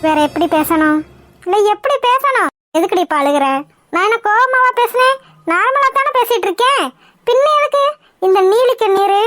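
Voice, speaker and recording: A woman's voice: extremely high pitch, normal speed, a bit bright, no room sound, clean studio sound. A woman voicing a haughty, scornful middle-aged mother-in-law in a cartoon, with a taunting, mocking delivery. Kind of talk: cartoon voice acting.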